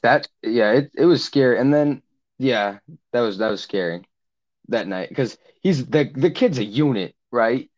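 A man's voice: medium pitch, expressive, unhurried, darkish tone. A young man casually telling a long camp story, rambling with lots of "like" and acting out the quotes. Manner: rambling, heavy use of "like", acts out quotes. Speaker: podcast co-host. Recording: dull lo-fi sound.

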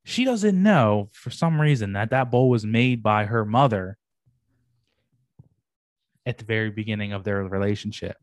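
Young dude on a podcast, hyped and slangy, swears a bit, dead dry mic. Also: male voice, on the low side, moderate pace, long pauses, no room sound. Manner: animated, slangy, swears casually. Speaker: podcast co-host. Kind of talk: casual chat reviewing anime.

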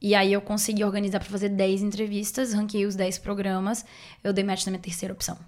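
A woman's voice: mid-range voice, little pitch movement, quick pace, a little mellow. A young adult woman, telling her story informally in an interview and sprinkling in English medical terms. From Bahia, Brazil. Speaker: podcast guest, doctor.

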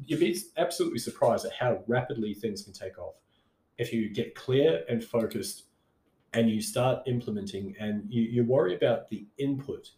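A man's voice: mid-range voice, moderate pace, warm tone. A man giving a casual motivational talk to his audience as an online business coach, conversational and rambling, repeating phrases for emphasis. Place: roomy space at home next to a busy motorway. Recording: echoey room beside a busy road.

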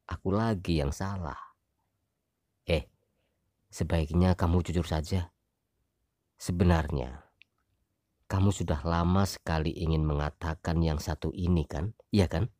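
A woman voicing a weary young husband in an audio story, speaking low and measured. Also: fairly even intonation, warm tone, dry recording, studio quality. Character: weary young husband, calm then heated.

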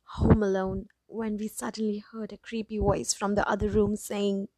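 A woman narrating a first-person story in a steady, even storytelling voice. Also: medium pitch, moderate pace, poor audio.

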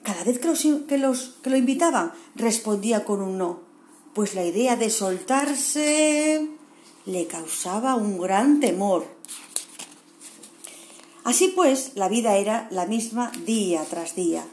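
A woman reading a rhyming children's story aloud in a gentle, expressive way. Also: mid-range voice, slow pace, a little hiss or hum.

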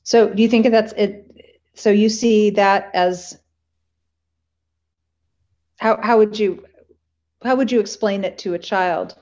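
A woman interviewer who speaks slowly and deliberately, putting probing questions to her guest. Her voice comes through dull and muffled. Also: mid-range voice, steady tone, a little mellow. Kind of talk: conversational interview.

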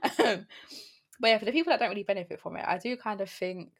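A woman's voice: medium pitch, lively intonation, fast talker. A young woman hosting a podcast in casual, slangy, jokey chat. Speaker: podcast host.

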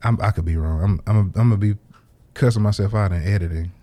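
A man's voice: lowish voice, fast, heavy background noise. A man hosting a podcast, talking in a laid-back, rambling way and laughing often. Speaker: podcast host. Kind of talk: casual conversation.

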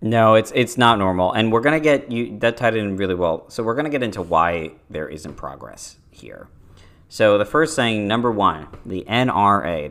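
A man with a very low voice co-hosts a political talk show. He explains the issues in a casual, point-by-point way, with plenty of ums along the way. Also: a bit bright. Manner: explanatory, list-style points with fillers. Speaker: podcast co-host.

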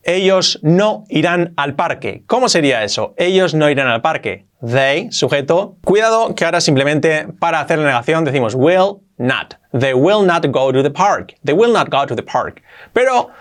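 A man with a Spain Spanish accent teaching English as a video lesson, emphatic and repeating example sentences. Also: fairly high pitch.

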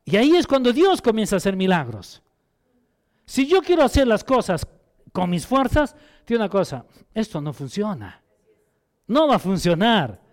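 A man preaching a sermon as pastor, asking the congregation questions and voicing quick quotes. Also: sits high, very animated, darkish tone.

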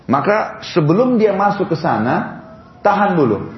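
A man's voice: high voice, sing-song, unhurried. A man telling a religious history story in a lesson, in a casual, conversational way with asides, pointing things out on a board, in a roomy, slightly dull recording. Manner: explains while pointing to a board. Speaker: religious teacher.

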